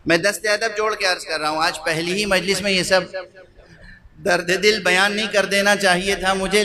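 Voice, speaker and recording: Bright and forceful, the high voice of a middle-aged Shia cleric carries through a majlis sermon. He hammers points home with repetition, poses rhetorical questions to the audience, and slows his delivery to weigh key words.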